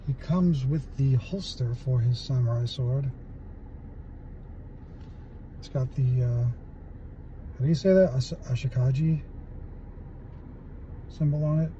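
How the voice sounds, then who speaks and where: This man in his forties reviews a toy in his parked car, speaking slowly in a medium-pitched voice and pausing often. He's relaxed and chatty, with many fillers, filming on a phone at arm's length. The highs are cut off, and there's a little hiss or hum.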